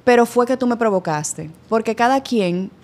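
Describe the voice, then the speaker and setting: A woman's voice: fairly high pitch, normal speed. Candid, chatty woman. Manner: candid, animated storytelling with lively quoted voices. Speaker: podcast guest. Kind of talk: casual chat.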